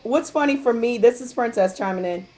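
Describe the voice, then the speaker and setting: A guest distributor shares her experience in a casual call-in chat, speaking candidly and telling stories while acting out what others said. Her voice is a little high and a little fast, with a crowd audible in the background.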